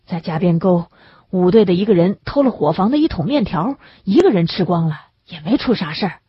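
A woman's voice: fairly low pitch, expressive, brisk, breathy edge, no room sound. A woman voicing a worried male camp team leader who coaxes and reassures a sick friend. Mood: reassuring. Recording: dull lo-fi recording.

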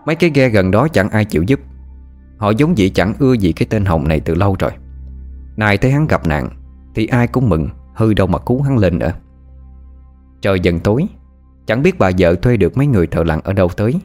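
Deep-voiced male ghost story narrator. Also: big pitch swings, brisk, long pauses, darkish tone, soft background music.

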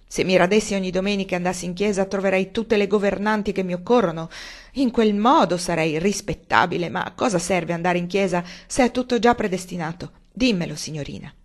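A woman reading aloud as a loud, gruff, hard-drinking old man who blusters and scoffs. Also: fairly quick, lightly acted. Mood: blustering. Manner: booming and blustering.

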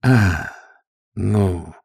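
A man's voice: deep voice, drawn-out words, creaky, a little mellow, husky, no echo, studio quality, heavily acted. A man voicing a tough, sardonic male watch commander who barks and mocks with feigned politeness. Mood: mock-innocent. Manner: barking, sarcastic.

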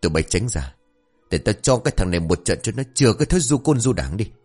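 A harsh, shouting father from a narrated family story, as a male reader puts him on, barking orders at his children. The voice sits low and swings widely as his temper flares, with faint music underneath. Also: very animated, fast talker, breathy edge. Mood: furious. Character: stern angry middle-aged father.

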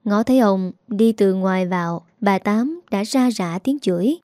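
A woman with a Southern Vietnamese accent reads a story in a calm, measured way. Her voice is warm and mellow at a middle pitch, recorded close and dry. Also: dry recording. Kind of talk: scripted narration.

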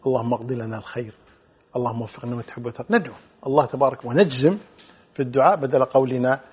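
A middle-aged male Islamic scholar answering religious questions in a measured, explanatory way, quoting hadith. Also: mid-range voice, fairly even intonation, breathy edge. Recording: phone-like narrow band.

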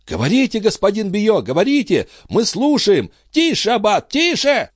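A man reading aloud, voicing a crowd of townsfolk calling out loudly in support. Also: high voice, wildly swooping pitch, moderate pace, no echo, studio quality, pitched above the performer's own voice, exaggerated voice. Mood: cheering. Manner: loud cheering calls. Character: shouting crowd of townsfolk cheering the speaker.

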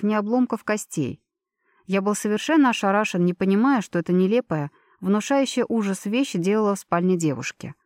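A woman's voice: mid-range voice, darkish tone, no room sound. Woman narrating an audiobook, dry close sound. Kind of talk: scripted narration.

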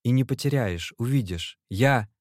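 A man's voice: mid-range voice, animated, normal speed, no room sound, clean studio sound, pitched above the performer's own voice, natural voice. A man voicing an anxious, devoted young male clerk who pleads and cries out to his friend. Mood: pleading. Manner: pleading, agitated, shouting.

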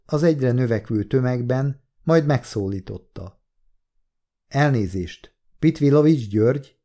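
A man reading an audiobook in calm, measured narration. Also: medium pitch. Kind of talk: scripted narration.

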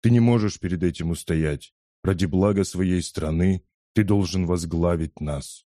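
An insistent conspirator presses his case in a low, mellow voice, as a man reads him in an audiobook. He talks steadily and persuasively, and the sound is dry and close. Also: normal speed, no room sound, lightly acted. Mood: pleading. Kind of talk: audiobook character voice.

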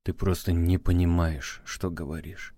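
A worn-out man answers in short, defensive lines, low and tired, as a narrator plays him. The sound is dry and close. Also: fairly even intonation, a little slow, warm tone, dry recording. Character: weary, stunned man facing an intruder.

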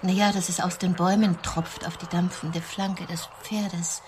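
Lightly acted with a lowish voice and flat delivery over background noise, an actress in a radio drama portrays a nervous, wounded single woman flirting politely on a date. She sounds coy and probing, measured and occasionally breathy.

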